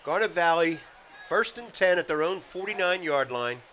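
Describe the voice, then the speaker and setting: A man calling live high school football play-by-play in measured calls that rise for big plays. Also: lively intonation, fairly bright tone. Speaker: play-by-play announcer. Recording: outdoor broadcast with crowd and noise.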